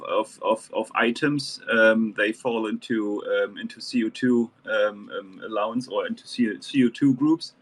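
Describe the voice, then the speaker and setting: A man from New Zealand with a fairly low voice talks casually on a panel. He stops and restarts often, filling gaps with ums while he hunts for words. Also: fairly bright tone. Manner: halting, many fillers and restarts. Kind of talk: casual discussion.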